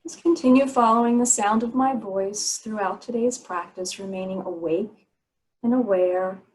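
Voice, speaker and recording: A woman leads a guided yoga nidra meditation, giving soothing, unhurried instructions with pauses between phrases. Her voice is medium-pitched and a little mellow, and the recording quality is low.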